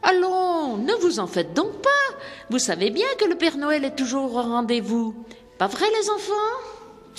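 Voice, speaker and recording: Woman playing a cheerful boy chimney sweep, high and animated, storybook style. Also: unhurried, in a large hall. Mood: reassuring. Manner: bright, eager, talking to children. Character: cheerful young male chimney sweep, kind and eager.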